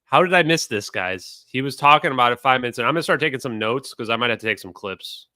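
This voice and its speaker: A man hosting a casual reaction video, chatty and excitable, talking straight to his viewers. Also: mid-range voice, fast, dry recording. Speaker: host reacting to a podcast.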